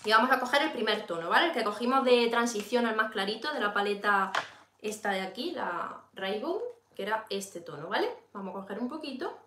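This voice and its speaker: A chatty woman with a Peninsular Spanish accent walks her viewers through a casual makeup tutorial. She talks to them directly and answers their comments as she goes. Her voice sits at a middle pitch and carries a noticeable room echo. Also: background noise. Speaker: beauty livestream host. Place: home room during a livestream. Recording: echoey room.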